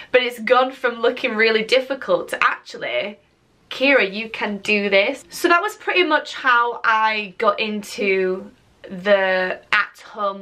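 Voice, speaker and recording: A woman's voice: mid-range voice, bright, forceful tone. A young woman from the UK, chatting enthusiastically to camera as a YouTuber. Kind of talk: casual vlog talk to camera.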